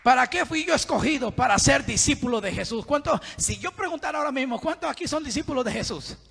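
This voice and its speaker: Man, Pentecostal preacher, husky high voice, long church echo. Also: expressive, quick pace. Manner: fervent, shouting, keeps saying "mi hermano". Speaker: guest preacher. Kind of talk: Pentecostal sermon. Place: church sanctuary. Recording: long hall reverb.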